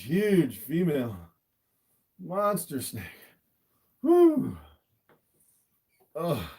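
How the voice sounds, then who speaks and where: A man with a higher-pitched, darkish-toned voice keeps a snake collection and hosts a livestream. In casual chat he shows his animals to viewers, easily amazed and often laughing softly between remarks.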